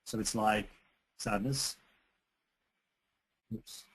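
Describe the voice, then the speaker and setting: A man's voice: lowish voice, steady tone, very slow, a bit bright, slightly rough, rough recording. A man presenting a webinar lesson in a conversational way, with frequent fillers and restarts. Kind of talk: teaching on relationships. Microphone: computer microphone on a webinar.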